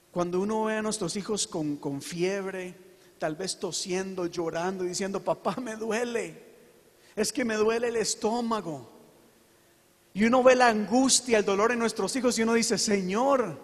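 A man preaching a sermon to his congregation, earnest and emphatic, with slow dramatic pauses. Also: sits high, big-room sound. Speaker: pastor.

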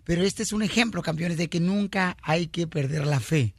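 High-voiced chummy radio host. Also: male voice, moderate pace, dry recording. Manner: chummy, calls listeners champions and paisanos, teasing. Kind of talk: lively radio interview banter.

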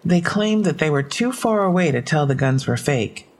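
In an audio drama, a woman with a low, expressive voice plays a businesslike police detective at a normal speed. She delivers a clipped case briefing in a matter-of-fact, slightly awkward way.

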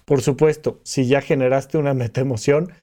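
Warm-voiced man giving advice. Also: mid-range voice, steady tone, moderate pace. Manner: acts out little dialogues with imagined listeners; reassuring, explanatory. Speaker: podcast host. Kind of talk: solo podcast talk.

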